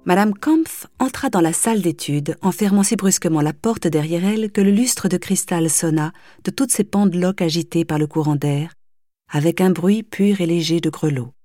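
Low, mellow woman reading a novel. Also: no echo, studio quality. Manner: measured, deliberate reading. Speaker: audiobook reader. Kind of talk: scripted literary narration.

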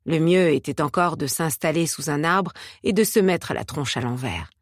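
A woman narrating an audiobook in a measured, steady reading style. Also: low voice, dry recording, studio quality.

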